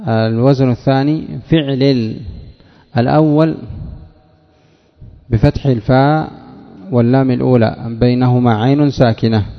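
A man teaching a grammar lesson, quizzing students by name and spelling out word patterns deliberately, in what sounds like a classroom. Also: mid-range voice, creaky. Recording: echoey room, dull lo-fi sound.

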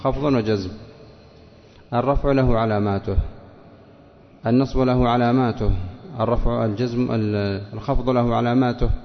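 A man's voice: medium pitch, fairly even intonation, moderate pace. A man teaching a grammar class who questions students by name and repeats their answers. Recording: dull lo-fi sound with long hall reverb.

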